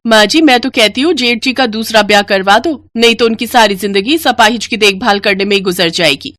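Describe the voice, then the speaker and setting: A woman's voice: a little high, a little fast, a bit bright, dry recording, clean studio sound, lightly acted. A woman voicing a spoiled, mocking young rich daughter-in-law with a sugary, sneering way of talking. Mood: scheming.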